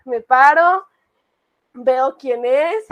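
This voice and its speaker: A woman's voice: high-pitched, extremely slow. A woman casually telling a personal horror story, rambling with many fillers. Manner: rambling, full of fillers and restarts.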